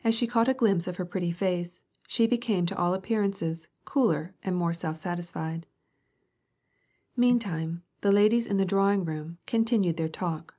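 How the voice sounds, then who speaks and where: A woman with a lowish voice narrates a classic novel as an audiobook, telling the story in a measured, even way.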